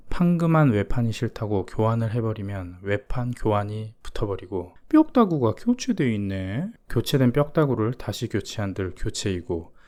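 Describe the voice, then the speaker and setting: A man's voice: on the low side, a little mellow. A man narrating a scripted explainer voice-over in a casual, self-mocking way with blunt asides. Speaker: YouTuber explaining used-car warranty insurance.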